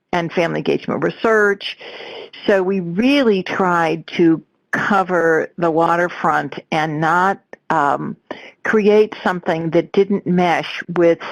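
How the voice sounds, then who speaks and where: Gravelly low-voiced woman explaining. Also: no echo, poor audio. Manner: measured, repeats phrases as she lists. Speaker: project leader and co-presenter. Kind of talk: explaining on a webinar.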